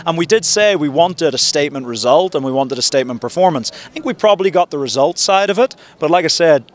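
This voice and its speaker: Man, 30s, football head coach, post-match interview, measured and reflective, outdoor, handheld mics close. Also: on the high side, animated. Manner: measured, reflective, frequent "you know" and "look". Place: outdoors at a stadium in front of a sponsor backdrop. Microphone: several handheld reporter mics held close.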